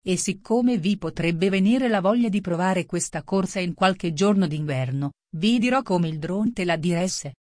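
A grave, grandiose old dodo who drags out his pompous words, performed by a woman reader. His voice is pitched low and heavy, slow and close to a dry mic. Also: darkish tone, dry recording, lightly acted. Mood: solemn. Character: solemn old male dodo, grave and wordy. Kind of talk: storybook character reading.

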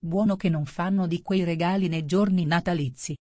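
A woman's voice: lowish voice, fairly even intonation, moderate pace, a little mellow, no room sound, studio quality, lightly acted. A woman voicing Alice, a polite and curious young girl, in an audiobook reading. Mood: earnest. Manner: polite, earnest.

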